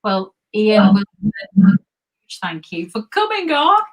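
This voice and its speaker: A woman's voice: mid-range voice, sing-song, takes it slowly. A woman hosting a live online show, chatting and thanking viewers, her voice coming through fuzzy and distorted. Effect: fuzzy distorted audio. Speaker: host.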